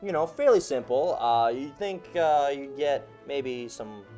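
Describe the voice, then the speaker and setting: A man's voice: medium pitch, expressive, unhurried, warm tone, faint music behind. A young man co-hosting a casual cooking segment, hesitant, with many ums and uhs. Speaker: show co-host.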